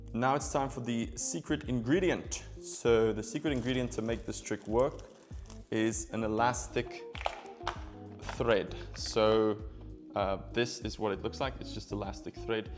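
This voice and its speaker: A man giving a magic tutorial in casual, playful card magician patter, chatting directly to viewers. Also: on the low side.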